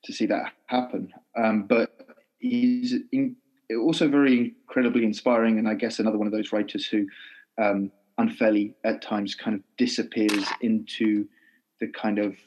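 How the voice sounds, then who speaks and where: Man w a lowish voice talking poetry on a podcast, thoughtful, lots of restarts. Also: fairly even intonation, a little mellow, poor audio. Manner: thoughtful, halting, many restarts and fillers. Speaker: poet guest. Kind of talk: podcast interview, conversational.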